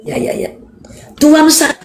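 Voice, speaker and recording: An older woman lecturing in an online religious debate, her audio choppy and cutting out over the call. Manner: slow, emphatic lecturing with Arabic terms. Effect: choppy breaking-up online call audio. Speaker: debate speaker.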